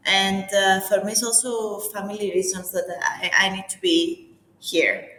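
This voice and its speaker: Bright-voiced woman from Cyprus in an echoey room. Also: medium pitch, fairly even intonation, measured pace, slight background noise. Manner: candid, chatty, with fillers. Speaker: architect guest. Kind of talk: casual interview conversation.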